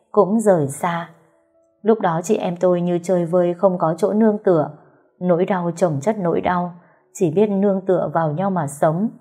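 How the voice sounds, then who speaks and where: A woman narrating a family story in a calm, measured, sorrowful way. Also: on the low side, husky.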